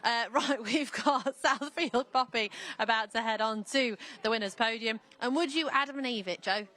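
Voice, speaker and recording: Female live sports presenter, bright crisp-edged tone, casual and jokey, easily amused. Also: on the high side. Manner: jokey, quick to laugh.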